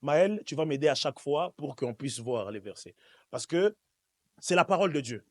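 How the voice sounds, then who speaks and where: Animated and speaking at normal speed, a Swiss preacher with a slightly high voice leads a call-and-response sermon at a church service. He is emphatic and repetitive, talking directly to the congregation, and the recording is dry.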